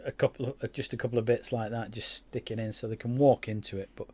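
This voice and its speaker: A man's voice: medium pitch, fairly even intonation, fast, mellow, husky. A man giving casual, rambling commentary over his own gameplay, with many fillers and restarts. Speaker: game YouTuber.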